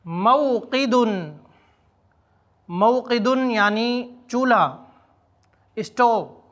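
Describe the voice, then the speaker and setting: A male Arabic teacher with a high, bright voice gives a vocabulary lesson in Urdu. He pronounces each Arabic word slowly, repeats it, and then explains what it means.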